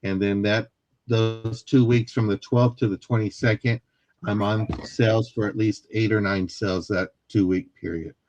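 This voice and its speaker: A man's voice: lowish voice, steady tone, moderate pace, a little mellow, highs cut off, slight background noise. A man casually explaining shop rules in a live sale, joking and reassuring, laughing often.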